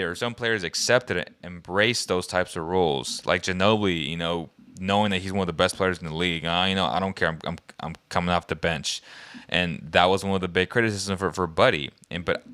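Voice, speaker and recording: Male co-host, deep crisp voice, dry close sound, loose sports chatter. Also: dry recording. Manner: relaxed, trails off and restarts, laughs easily. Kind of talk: casual sports chat.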